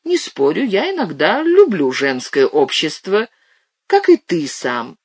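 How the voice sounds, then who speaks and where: A man's voice: a little high, wildly swooping pitch, unhurried, breathy edge, no echo, studio quality, heavily acted. A man reading aloud and voicing a lazy young student who answers with wounded, languid dignity. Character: young lazy charming student brother, evasive.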